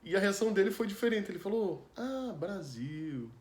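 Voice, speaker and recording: A man's voice: high-pitched, fairly even intonation, quick pace. A man from Brazil with a Brazilian Portuguese accent, telling a personal story in a loose, chatty way. He fills his talk with asides and tag questions and laughs often. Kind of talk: casual storytelling chat. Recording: roomy echo with faint ambience.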